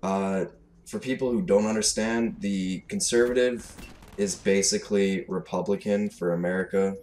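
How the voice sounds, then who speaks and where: In a clearly noisy home recording, a young Albertan man of 17 delivers a casual gaming commentary rant, cursing bluntly and sounding fed up. He has a Canadian accent and a low, slightly mellow voice with a steady tone and moderate pace.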